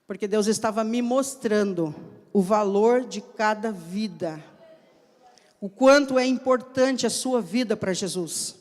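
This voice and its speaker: A woman preacher delivers a sermon in a slow, emphatic storytelling manner. She acts out the conversations from her testimony as she goes. Her voice carries a long reverb, as if recorded in a large church hall. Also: mid-range voice, darkish tone. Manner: acts out dialogue in her stories.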